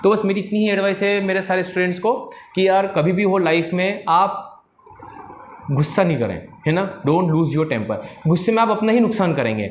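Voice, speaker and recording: Switching between Hindi and English, a young man from India who trains English speakers shares a motivational story with students and keeps asking "right?" He sounds lively, with a high voice at a moderate pace, a roomy echo, and slight hiss or hum.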